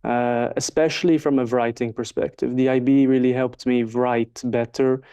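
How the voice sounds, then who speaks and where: A man's voice: medium pitch, level tone, normal speed, warm tone, smooth, highs cut off. A Swiss man in his twenties, a native Swiss German speaker, answering interview questions in a thoughtful way with many fillers. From Switzerland. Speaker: interview guest, market researcher. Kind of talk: casual interview.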